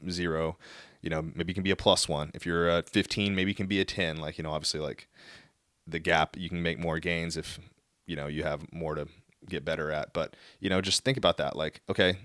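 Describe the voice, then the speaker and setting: A man's voice: deep voice, level tone, brisk, fairly bright tone, no echo, studio quality. A man co-hosting a podcast, talking earnestly and rambling through his thoughts. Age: 30s. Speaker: podcast co-host, golf fitness coach. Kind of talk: casual podcast chat.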